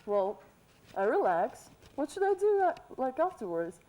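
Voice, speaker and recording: A woman playing a cheerful, cheeky Easter Bunny in a student TV sketch interview, relaxed and plain-spoken with hesitant fillers. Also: high voice, measured pace, rough recording. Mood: casual. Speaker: interview guest.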